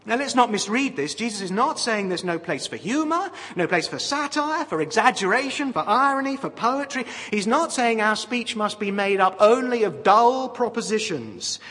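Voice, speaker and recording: A man preaching a sermon with lively, animated delivery and wry asides. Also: high voice, moderate pace, few pauses. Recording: long reverb of a hall.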